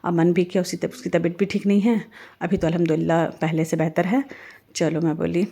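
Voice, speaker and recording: A woman's voice: on the low side, flat delivery, fairly quick, vocal fry. A middle-aged woman from India talking casually as she cooks, rambling through family news and heartfelt advice. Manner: chatty, rambling, warm-hearted advice with religious phrases. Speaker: family vlogger and mother. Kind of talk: casual voice-over while cooking.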